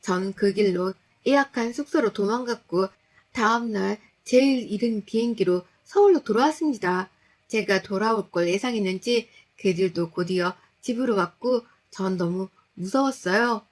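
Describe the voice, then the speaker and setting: A woman's voice: medium pitch, moderate pace. A woman telling a tense, unsettling first-person story in a confessional, retelling way.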